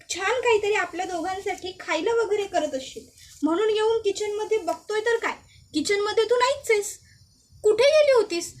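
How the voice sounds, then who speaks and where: Lady doing a lying married guy in a spoken story, yells and begs, high thin voice. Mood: puzzled. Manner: shouting and pleading. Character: deceitful married man, cornered and blustering.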